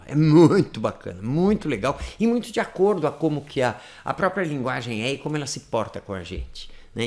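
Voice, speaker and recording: A man giving a casual, chatty language lesson, repeating phrases to demonstrate. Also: mid-range voice. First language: Portuguese. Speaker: language teacher.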